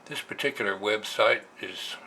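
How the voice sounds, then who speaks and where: A hobbyist vlogger, this American man has a lowish, bright voice with a forceful edge and speaks at a moderate pace. He explains things casually and simply from his computer indoors. The recording, made on the camera's built-in mic, is noisy and amateur.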